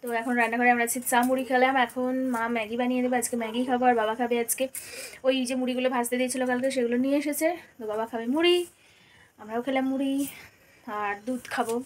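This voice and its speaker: A woman's voice: on the high side, fairly even intonation, quick pace. A young woman, talking casually through her evening at home in a vlog, her throat a little scratchy. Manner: chatty, rambling and self-correcting. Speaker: vlogger.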